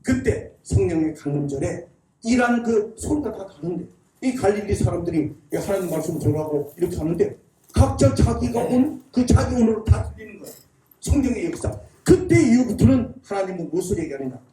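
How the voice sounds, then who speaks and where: A man's voice: sits high, animated, fairly quick, dark tone, a little hiss or hum. A man giving a public lecture at a church, drilling his audience in call-and-response and chuckling as he talks. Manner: folksy, chuckling delivery. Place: church hall. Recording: echoey hall, mic at a distance.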